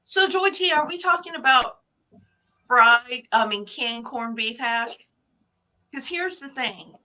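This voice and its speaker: A woman's voice: high voice, animated, takes it slowly, bright, forceful tone, low-quality recording. A woman chatting casually, opinionated and joking, laughing often. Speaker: chat show participant. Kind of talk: casual chat.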